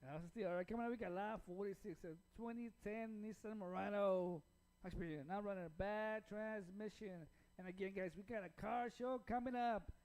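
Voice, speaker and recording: A man's voice: sits high, steady tone, normal speed, darkish tone. A man announcing auction lots, listing details in a clipped way.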